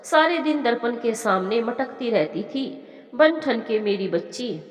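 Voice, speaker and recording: A woman's voice: fairly high pitch, expressive, measured pace. A woman playing a grieving village mother. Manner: soothing, then lamenting to God. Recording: echoey room with long reverb.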